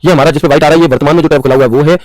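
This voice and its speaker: Male computer teacher, quick-fire delivery, self-answering questions, dry close mic. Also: on the high side, fairly even intonation, darkish tone, dry recording, low-quality recording. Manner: repeats questions to the class and answers them; mixes English terms into Hindi, calls students bhaiya. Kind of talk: screen-share tutorial lesson.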